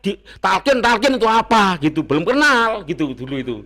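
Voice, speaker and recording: A man with an East Javanese accent telling his own story as an interview guest, blunt and rough-spoken, earnest and repeating that he is being honest. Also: high-pitched, very animated, a little fast, bright, forceful tone. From Indonesia. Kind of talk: candid personal storytelling.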